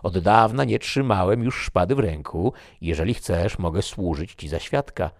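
Audiobook figure: man playing a jovial nobleman, higher and louder than his own deep creaky voice, dry booth sound. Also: normal speed, no room sound. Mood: bantering. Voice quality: animated, exclamatory. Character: jovial, talkative young male nobleman, easily moved. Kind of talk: audiobook character reading.

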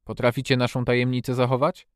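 A man voicing a frail young boy in a storybook reading, talking quickly and eagerly with a commanding edge. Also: mid-range voice, monotone, dry recording, clean studio sound, close to an everyday voice.

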